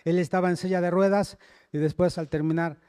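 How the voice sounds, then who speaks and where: Male preacher, sermon style, voice on the high side, dry close sound. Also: fairly even intonation, brisk, dark tone, clean tone, no room sound. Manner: checks in with the congregation, calls for amens.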